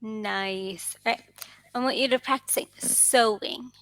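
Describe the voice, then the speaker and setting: An American English tutor chats casually during a one-on-one conversation practice session held indoors over an online video lesson. Her voice is fairly high, slow and a bit bright, with no room sound, and she's encouraging and responsive, affirming often.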